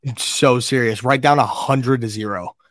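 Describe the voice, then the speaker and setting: A hoarse man co-hosting a casual sports podcast, brash and swearing as he makes his picks. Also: mid-range voice, steady tone, normal speed, fairly bright tone, no echo, clean studio sound. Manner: brash, swears, trash-talks teams. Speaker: podcast co-host.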